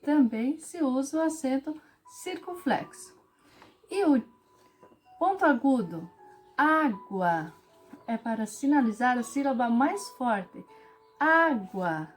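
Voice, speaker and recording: Slow, high-voiced teacher. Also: female voice, soft background music. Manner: patient, acts out example sentences with expressive intonation. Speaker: special education teacher. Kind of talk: slow, clear classroom explanation to children.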